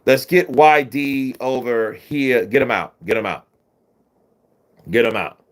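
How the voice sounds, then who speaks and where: A man's voice: mid-range voice, measured pace. A man hosting a boxing livestream, chatting casually, reading out and thanking viewers by name.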